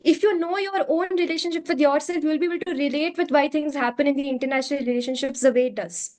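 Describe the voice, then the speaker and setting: A curriculum developer from South India, a native Hindi speaker with an Indian accent, answers interview questions earnestly as a guest and often restates her points. Her voice is high and fast, with fairly even intonation and a darkish tone.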